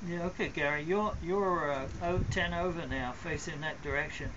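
A man's voice: a little high, normal speed. A man answering on a ham radio call, unsure of a call sign and spelling out call signs phonetically. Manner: hesitant, unsure. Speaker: amateur radio operator. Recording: distant, muffled, background noise.

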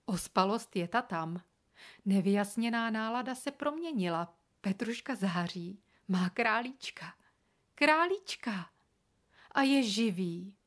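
A woman reading a children's story aloud with expressive, animated narration. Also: mid-range voice. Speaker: reader.

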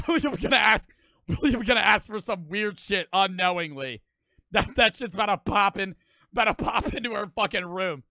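A man's voice: high-pitched, animated, moderate pace, gravelly, bright, forceful tone, dry recording. A young man reacting to a video, making crude jokes and laughing a lot. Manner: crude, joking, laughs often. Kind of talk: casual reaction commentary.

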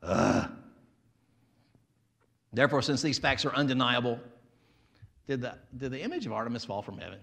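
Animated, gravelly preaching man. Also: mid-range voice, moderate pace, long pauses. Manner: dramatic, acts out crowd voices, swings from loud to quiet. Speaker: pastor. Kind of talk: animated sermon.

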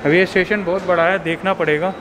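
Man, Indian accent, 30s, travel vlogger, high voice, chatty, phone at arm's length, busy street noise. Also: fairly even intonation, fast. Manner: chatty, mixes in English phrases. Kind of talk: casual vlog narration to camera. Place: busy city street and subway station outdoors. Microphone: handheld camera at arm's length.

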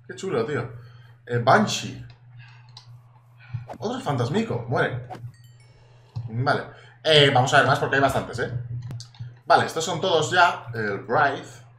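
An excitable young man from Spain talks through a video game, tossing casual swears and asides to his viewers. His pitch swings up and down constantly. The recording sounds roomy and echoey, with a faint hiss behind him. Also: measured pace, long pauses. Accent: Spanish from Spain. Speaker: gaming YouTuber. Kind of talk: casual gameplay commentary. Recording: echoey room with faint noise.

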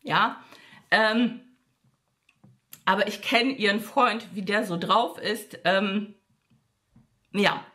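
Slow and sharp-toned, with long pauses, a woman vlogger tells her viewers a personal story in a casual monologue, acting out quoted dialogue with shifts in pitch and addressing them with frequent fillers.

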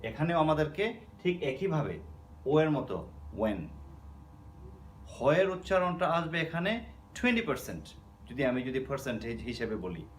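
A man's voice: fairly high pitch, very animated, brisk, a little hiss or hum. A man with a Bangladeshi accent teaching an English lesson, explaining patiently and checking in with his students. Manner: explains patiently, repeating words and asking "okay?". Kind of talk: spoken language lesson.

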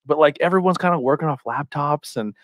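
This fairly high-pitched man talks a little fast, with no echo. He's a Pennsylvania-born American hosting a podcast, swapping rambling, profanity-laced stories in casual chat from a small curtained room, using a podcast microphone and headphones.

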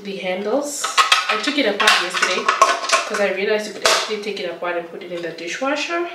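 A woman's voice: medium pitch, very noisy. Chatty young woman in an echoey kitchen. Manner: chatty, rambling, many fillers. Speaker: vlogger. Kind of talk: casual cooking vlog chat. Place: home kitchen. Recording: echoey kitchen, distant camera mic, kitchen clatter.

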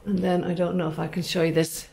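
Against a noisy background, an Irish woman in her forties, an estate agent, gives a chatty, informal walkthrough of an empty commercial unit with large bare rooms, explaining as she walks. Her voice is gravelly and on the low side, level in tone, and quick.

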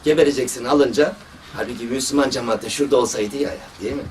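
A mid-range male voice, talking fast: a surgeon giving a religious talk, telling stories from his work and lively quoting the people involved. He's recorded from a distance with faint background noise.

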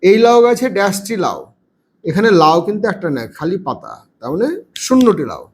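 A man's voice: sits high, sing-song, brisk. A man with a Bengali accent teaching a children's lesson, patiently spelling out words letter by letter and counting aloud. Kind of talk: reading lesson for young children.

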